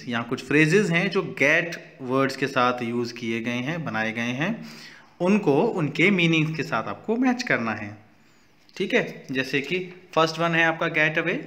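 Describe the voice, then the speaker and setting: A man's voice: mid-range voice, sharp tone. A male teacher with an Indian accent, walking students through a textbook exercise and repeating each word aloud. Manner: slow, repeats words aloud, switches between English and Hindi.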